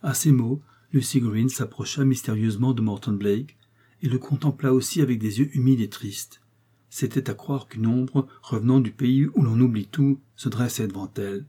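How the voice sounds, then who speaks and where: A man narrating a classic novel as an audiobook in measured storytelling. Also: medium pitch, mellow, slightly rough. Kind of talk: scripted narration.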